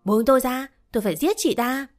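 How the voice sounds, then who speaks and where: Shrill, unhinged young woman in an audio story, voiced by a woman reader, raised high voice, soft music under. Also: fairly quick, close to an everyday voice. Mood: shrill, defiant.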